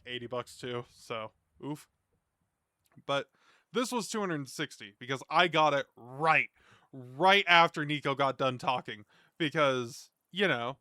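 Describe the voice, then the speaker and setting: Man, bright forceful voice, dry sound, casual streamer commentary, loose informal phrasing. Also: mid-range voice, clear, resonant tone, dry recording. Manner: informal, rambling, mildly sweary. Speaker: streamer reacting to a gaming video.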